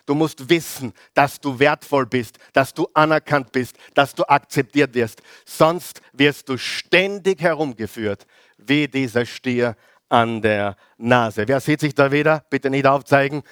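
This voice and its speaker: A man's voice: mid-range voice, measured pace, a bit bright, smooth, dry recording, clean studio sound. A middle-aged man with an Austrian accent preaching a sermon as pastor, leading the congregation through call-and-response readings.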